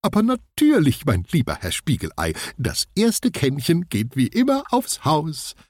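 A man's voice: fairly high pitch, huge pitch swings, unhurried, no echo, clean studio sound, pitched above the performer's own voice, exaggerated voice. A man voicing a strict, scolding female shopkeeper in a children's storybook. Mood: bossy. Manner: scolding, sharp. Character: strict bossy shopkeeper sister.

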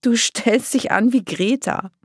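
Woman playing sweet excited vampire girl, storybook, raised voice, dry sound. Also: a little high, measured pace, slightly rough, no room sound, pitched above the performer's own voice. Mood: eager.

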